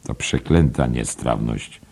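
Casting: male reader doing a queasy, courteous drinker, low and gravelly, storybook. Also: slow pace, a little mellow, full character voice. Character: dyspeptic, polite male drinker. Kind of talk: audiobook character voice.

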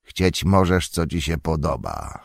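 A man voicing a gruff, domineering male orc captain with a grating bass voice in an audiobook reading. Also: sing-song, a little slow, dry recording, studio quality, exaggerated voice. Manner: commanding, boastful. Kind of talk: audiobook character voice.

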